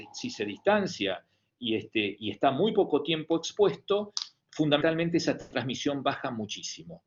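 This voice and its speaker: A man's voice: mid-range voice, slight background noise. A man with an Argentine Spanish accent giving an online medical lecture, hesitant, with many fillers and restarts. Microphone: video call. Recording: dull lo-fi online call audio.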